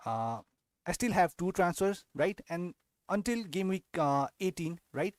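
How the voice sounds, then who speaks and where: This young man from Nepal, host of a fantasy football channel, sounds animated at a measured pace, his voice sitting high. The studio-quality recording has no room sound as he runs a casual live-stream Q&A, often restarting sentences and using tag questions.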